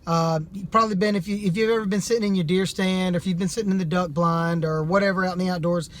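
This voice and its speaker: A man's voice: high-pitched, fairly even intonation, quick pace. A man speaking in a plain, folksy way as he gives a casual, slightly hesitant product demonstration. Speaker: amateur duck hunter reviewing calls.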